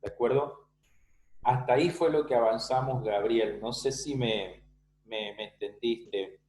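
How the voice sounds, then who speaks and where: A man's voice: medium pitch, unhurried, darkish tone, low-quality recording. A male teacher giving an online math lesson, explaining step by step and often checking that students follow. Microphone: video call.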